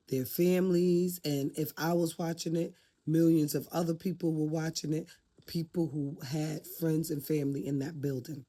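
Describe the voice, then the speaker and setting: A woman's voice: deep voice, mellow. An older woman talking to camera off the cuff, reflective and heartfelt as she shares life advice. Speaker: vlogger giving life advice. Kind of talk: casual unscripted talk to camera.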